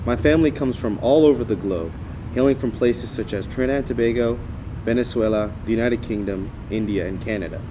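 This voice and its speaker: A man's voice: on the low side, noisy background. A young man from Costa Rica giving an earnest, formal scripted narration as a student documentary narrator. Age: young adult.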